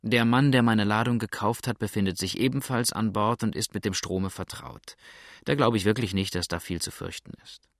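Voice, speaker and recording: Man voicing a calm old traveller in a storybook, reassuring, low gravelly voice, dry close sound. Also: normal speed, no room sound, natural voice.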